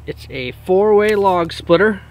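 Man, outdoors in freezing cold, loud and excited, high voice, engine running nearby. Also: measured pace. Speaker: vlogger demonstrating a tool. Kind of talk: casual outdoor demo.

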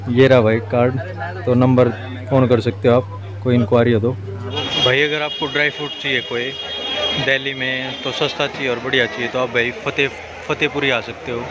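A man's voice: medium pitch, little pitch movement, normal speed. A young man chatting to viewers while he walks through a busy outdoor market, camera at arm's length. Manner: chatty, addresses viewers as brother. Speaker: vlogger. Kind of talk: casual walking vlog. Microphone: camera held at arm's length. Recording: crowded street noise. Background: crowd chatter.

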